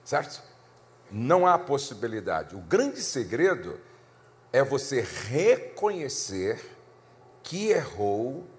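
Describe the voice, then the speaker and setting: A middle-aged male pastor preaching a sermon, telling a family story with animated delivery that climbs in pitch when excited. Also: big-room sound.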